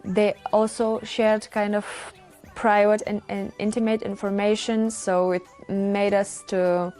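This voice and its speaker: Woman from Lithuania, volunteer nurse; mellow, reflective, hesitant talker. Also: medium pitch, little pitch movement, measured pace, soft background music. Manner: reflective, hesitant, many fillers. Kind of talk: interview testimonial.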